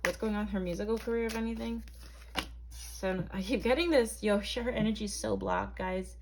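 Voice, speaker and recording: A woman's voice: mid-range voice, fairly quick, gravelly, a little mellow, a little hiss or hum. A young woman from Barbados, reading tarot cards to camera in a chatty, hesitant way full of ums and likes. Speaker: tarot reader.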